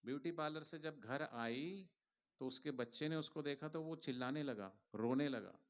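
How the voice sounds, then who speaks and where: A man's voice: fairly high pitch, moderate pace. A man, a spiritual teacher, giving a devotional sermon to a gathering in a preachy, playful way, acting out little stories and leading the crowd in chants. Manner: preachy, playful, acts out anecdotes and leads chanting. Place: large outdoor religious gathering.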